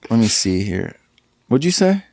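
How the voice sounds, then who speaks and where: A man's voice: medium pitch, big pitch swings, moderate pace, a little mellow, no room sound. A young man, a podcast guest and rapper, talking casually with many fillers and restarts into a studio mic. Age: young adult. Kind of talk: casual interview chat.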